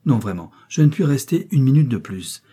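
A man's voice: medium pitch, big pitch swings, moderate pace, mellow, husky, voice pushed up. A man reading a storybook, voicing a pale, morbid male stranger who speaks with fervent insistence. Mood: hurried.

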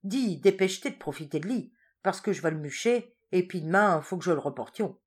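A woman voicing a stubborn, fretful old peasant woman who speaks in rustic country dialect and exclaims loudly. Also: fairly low pitch, lively intonation, a little fast, husky. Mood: urgent.

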